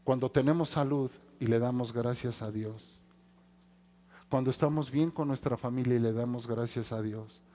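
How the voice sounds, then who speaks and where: A male pastor, preaching a sermon that swings from soft, low passages to loud, high-pitched calls. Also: steady tone, normal speed.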